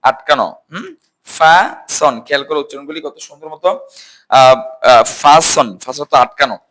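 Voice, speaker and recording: Man, pronunciation teacher, fairly high pitch, drills and repeats words. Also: sharp tone. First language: Bengali. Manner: drills words by repeating them slowly and asking the class. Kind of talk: casual spoken lesson.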